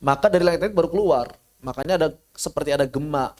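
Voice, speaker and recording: A man's voice: a little high, darkish tone. Indonesian man teaching Quran recitation. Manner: demonstrates sounds with drawn-out syllables, asks and answers his own questions; casual, mutters to himself while fixing slides. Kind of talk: online tajwid lesson.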